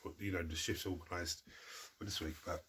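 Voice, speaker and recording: This low-voiced man sounds steady, brisk and fairly bright, with a faint hiss or hum behind him. Stuffed up with a cold, he casually works through viewer questions on his hobby channel, wandering off track and breaking into his own sentences to start them over.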